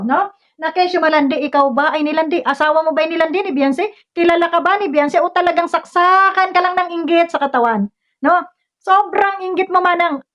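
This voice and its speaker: A woman's voice: very high voice, fairly bright tone. A woman ranting at a commenter, scolding and confrontational, firing off rhetorical questions. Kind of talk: heated commentary rant. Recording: dull lo-fi recording.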